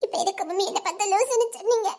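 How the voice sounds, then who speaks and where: A woman's voice: very high-pitched, very fast, warm tone. A woman voicing a stubborn, confused young daughter who keeps protesting, with a Tirunelveli Tamil accent. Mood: insistent. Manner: insistent, protesting. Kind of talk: Tamil serial drama dialogue.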